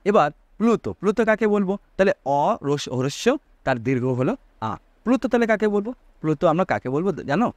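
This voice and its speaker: A man's voice: high voice, very animated, a little fast, no room sound. A man teaching a Sanskrit grammar lesson, asking his students rhetorical questions and drawing out vowel sounds to show their length.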